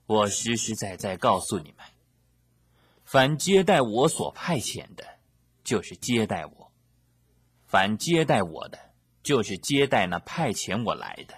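An actor playing a solemn, sorrowful adult male teacher in a storybook scripture reading, speaking in slow, weighty pronouncements. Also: fairly low pitch, very animated, a bit bright, slightly rough, no echo, exaggerated voice.

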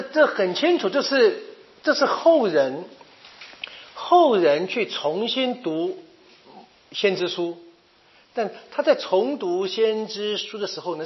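Male Bible teacher, higher voice with lively pitch, questioning style, dull lo-fi sound. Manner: explanatory, asks the audience questions. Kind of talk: Bible study lecture.

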